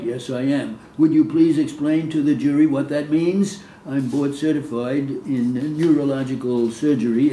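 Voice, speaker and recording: A man's voice: mid-range voice, mellow. A man dictating courtroom testimony, reading out the questions, answers and speaker labels from a script. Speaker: reader dictating a court transcript. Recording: roomy echo, faint background noise.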